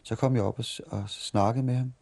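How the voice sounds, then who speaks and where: A man's voice: mid-range voice, steady tone, gravelly, a little mellow, breathy edge. A Danish man in his forties telling stories in an interview as a street performer, often restarting and repeating words as he remembers. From Denmark. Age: 40s. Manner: halting, repeats and restarts words while reminiscing. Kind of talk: storytelling interview.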